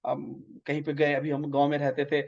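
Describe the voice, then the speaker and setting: A man's voice: a little high, completely flat delivery, normal speed, vocal fry. A man with an eastern Hindi-belt accent teaching an online exam-prep lecture, explaining with everyday examples and often checking in with his listeners. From north India. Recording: slightly dull lo-fi audio.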